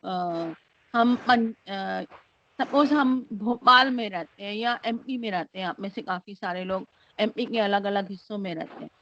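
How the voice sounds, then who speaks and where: A woman giving an online lecture, speaking slowly and hesitantly with many fillers, mixing Hindi and English. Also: medium pitch, fairly bright tone. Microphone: computer mic on a video call. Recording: dry, dull lo-fi call audio.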